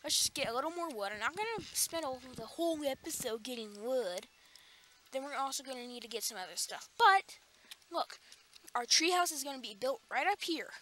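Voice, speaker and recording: A woman giving let's play commentary as the host of a gaming channel, excitable and quick to burst into alarmed exclamations. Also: high voice, slight background noise.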